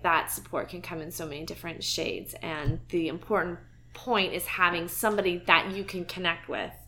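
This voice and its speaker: Woman, podcast host, bright forceful tone, slightly low voice, earnest, reflective. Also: fairly even intonation, moderate pace, a little hiss or hum. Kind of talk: casual heartfelt conversation.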